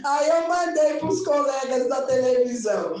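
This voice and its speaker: A woman pastor with a Brazilian Portuguese accent, preaching a lively, chatty sermon and often checking that the congregation follows her. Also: high voice, moderate pace. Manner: animated and chatty, often asking listeners if they follow. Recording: echoey room recorded from far off.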